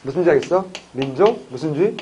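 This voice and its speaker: Man, history lecturer, rapid delivery, raised pitch, quizzes his class with jokes. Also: lively intonation, dark tone, highs cut off, a little hiss or hum. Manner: joking, asks the class quick questions. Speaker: civil service exam history lecturer.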